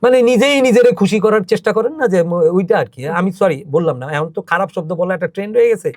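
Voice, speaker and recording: A man's voice: high voice, racing, a little mellow, dry recording, clean studio sound. A man, a podcast guest telling emotional, emphatic stories as a cultural organizer. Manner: emotional, emphatic storytelling with rising intensity. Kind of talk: impassioned interview talk.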